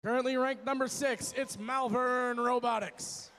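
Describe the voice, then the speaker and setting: A man's voice: very high-pitched, fairly even intonation, unhurried, a bit bright. A man announcing team introductions at a competition in a punchy, hyped fighting-game announcer style, stretching out the names. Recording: noisy event ambience.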